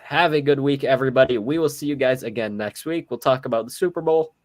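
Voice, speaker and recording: A fast-talking young man with a medium-pitched voice hosts an informal podcast. Despite sounding sick and exhausted, he runs the segment and steers things along casually.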